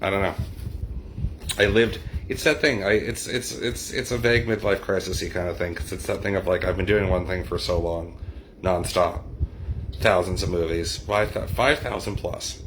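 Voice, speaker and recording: Middle-aged man, very low voice, rambling casual chat with viewers, faint hiss behind. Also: steady tone, moderate pace, a bit bright. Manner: rambling, discursive. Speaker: livestream host and poet.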